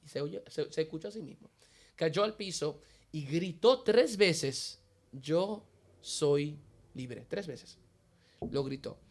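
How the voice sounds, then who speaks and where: A man's voice: fairly high pitch, lively intonation, unhurried, a little mellow. A man giving a personal faith testimony in an interview, telling his story vividly and acting out the dialogue he quotes.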